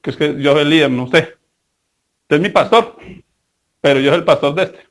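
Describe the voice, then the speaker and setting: A pastor preaching to his congregation in a high-pitched male voice. He tells stories and acts out the voices of the people he quotes, in a lively preaching manner. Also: moderate pace. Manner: animated preaching with acted-out quotes and storytelling. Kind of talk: sermon.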